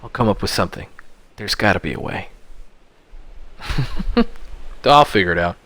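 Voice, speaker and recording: Brooding teen boy, a man reading him low and curt from game text. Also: animated, normal speed, a bit bright, no room sound. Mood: reassuring. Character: terse, brooding teenage boy. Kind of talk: reading game dialogue aloud.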